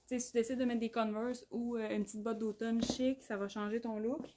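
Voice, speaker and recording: A woman with a Québécois accent hosting a live clothing sale, chatty, full of fillers and quick laughs. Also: a little high, level tone, background noise. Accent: Québécois French. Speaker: clothing brand host. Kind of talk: live shopping stream. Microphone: phone.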